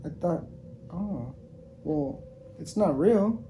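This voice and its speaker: A man's voice: high voice, expressive, slow pace, dark tone, slight background noise. A man in his thirties playing a casual, colloquial young father in an amateur family fantasy skit. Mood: uneasy. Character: young dad humoring then panicking over his daughter.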